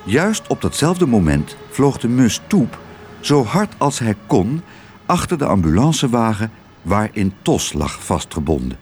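A man narrating a children's audiobook in an expressive storytelling manner. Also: fairly low pitch, measured pace, a little hiss or hum.

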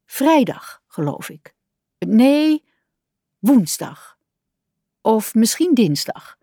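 A woman's voice: a little high, big pitch swings, very slow, dark tone, breathy edge, no room sound, studio quality, pitched above the performer's own voice, full character voice. A woman voicing a forgetful duck who hesitates and is unsure of everything. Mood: dithering.

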